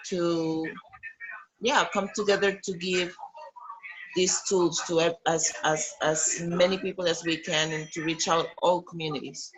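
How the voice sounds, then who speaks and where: A woman from Costa Rica with a Costa Rican Spanish accent, speaking English as a guest in a remote interview, halting, with many pauses and restarts. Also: on the low side, little pitch movement, crowd noise, low-quality recording.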